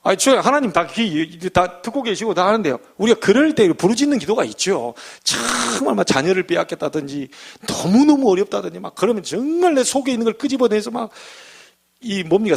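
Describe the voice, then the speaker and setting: Animated Korean pastor preaching. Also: male voice, high voice, vocal fry, husky. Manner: lively, conversational preaching, acting out little scenes. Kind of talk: sermon. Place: church.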